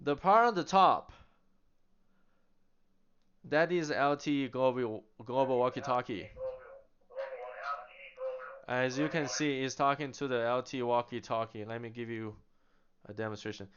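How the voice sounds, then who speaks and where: A man with a smooth, resonant voice talks through a product demo in a relaxed, chatty way. He keeps posing questions and answering them himself, with small laughs along the way. The recording is slightly dull and lo-fi. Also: mid-range voice, measured pace, long pauses. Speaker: product demonstrator. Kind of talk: casual product demonstration.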